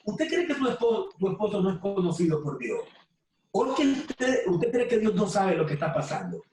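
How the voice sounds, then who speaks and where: A woman's voice: mid-range voice, huge pitch swings, a little mellow. Fervent Nicaraguan woman preaching in echo. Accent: Nicaraguan Spanish. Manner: fervent, repeats words, stresses key phrases slowly. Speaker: women's ministry speaker. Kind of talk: preaching talk. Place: room with phones streaming. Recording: very echoey room from a distant mic with faint noise.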